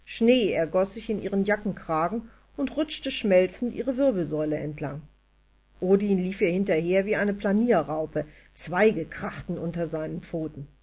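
A woman narrating a story aloud in a lively, expressive reading style. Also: on the low side, moderate pace. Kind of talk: audiobook storytelling.

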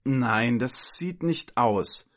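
A man's voice: medium pitch, lively intonation, drawn-out words, a bit bright. A man voicing a bossy, indignant aunt who scolds and fusses in a storybook reading. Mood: fussy. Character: shrill bossy scolding middle-aged aunt, female.

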